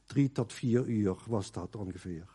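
A man's voice: fairly low pitch, measured pace, husky. Conversational Dutch-speaking preacher man. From Netherlands. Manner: conversational, many fillers, drops to a hush in quoted lines. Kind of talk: sermon.

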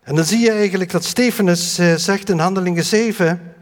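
High-voiced man preaching in a reverberant hall. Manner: earnest, halting with many fillers and restarts. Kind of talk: sermon. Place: church hall.

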